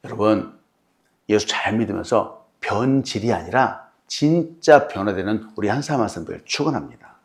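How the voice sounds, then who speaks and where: A man's voice: lowish voice, animated, moderate pace. A male pastor preaching a sermon with rhetorical questions to the congregation.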